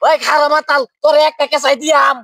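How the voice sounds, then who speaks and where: A man with a rural Bangladeshi accent playing a foolish, pompous water spirit in a village comedy skit, mock-solemn and quick to bicker. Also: very high-pitched, flat delivery, sharp tone, dry recording, clean studio sound, exaggerated voice.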